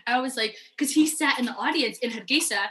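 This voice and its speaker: A young woman hosts a casual interview chat and talks quickly. Her voice is bright and a little high. She tells her own stories in an easygoing way.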